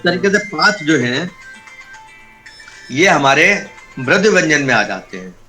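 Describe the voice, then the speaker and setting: A man's voice: on the high side, sing-song, unhurried, pushed and bright, faint music behind. A man teaching an online Sanskrit class over a video call, patiently explaining step by step and repeating key terms.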